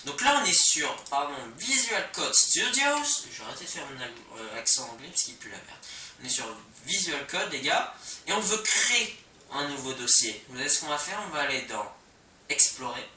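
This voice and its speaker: A man's voice: medium pitch, expressive, fairly quick, sharp tone, a little hiss or hum. A young man giving a casual, rambling coding lesson with slang and fillers, recorded on a poor microphone. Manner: slangy, rambling, self-deprecating, many fillers. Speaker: coding tutorial host. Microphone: cheap microphone. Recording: poor mic, echoey room, distant.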